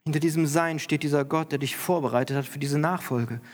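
A male pastor delivers a sermon to his congregation, earnest and explanatory, rising with emphasis when he reads scripture. His voice sits a touch high for a man. The sound carries a long reverb from a church hall. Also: brisk.

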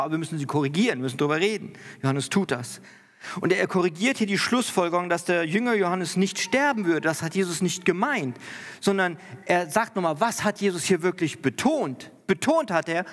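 Man preaching in a reverberant church hall. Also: high-pitched. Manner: earnest, explanatory preaching with emphatic rises when quoting scripture. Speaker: pastor. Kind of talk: sermon.

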